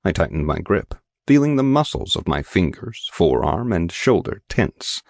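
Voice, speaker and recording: A man with a very low voice narrates an audiobook in the first person. His delivery is measured and steady, with slow deliberate phrasing. The recording is close and dry, with no room sound at all. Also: vocal fry, no room sound. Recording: dry, dead studio sound.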